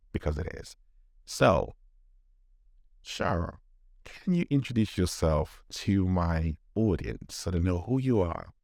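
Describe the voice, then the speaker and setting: Male podcast host, very low voice, dry close mic. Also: vocal fry, no echo. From Nigeria. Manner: relaxed, conversational, with restarts. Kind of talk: podcast interview.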